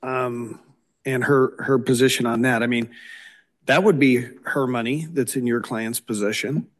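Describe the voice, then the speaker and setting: A man's voice: mid-range voice, steady tone, a little slow. A man, an appellate judge, putting probing, conversational questions to counsel during oral argument.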